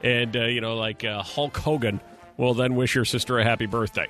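Bright-voiced American man hosting morning radio. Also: medium pitch, fairly even intonation, fairly quick. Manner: playful, joking. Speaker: radio show host. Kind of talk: morning radio contest banter. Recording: music bed behind voice. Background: background music.

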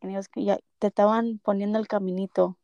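A woman's voice: mid-range voice, level tone, fast, dark tone, no echo, dull audio. A woman host interviewing a guest, affirming and supportive, mixing Spanish and English in short prompts. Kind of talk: casual bilingual interview.

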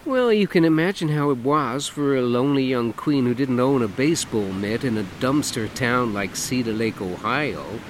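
A man's voice: mid-range voice, lively intonation, moderate pace, few pauses, a little hiss or hum, voice pushed up, lightly acted, poor audio. A man voicing a flamboyant, brash lawyer who talks in a camp, sassy, emphatic drawl. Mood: indignant.

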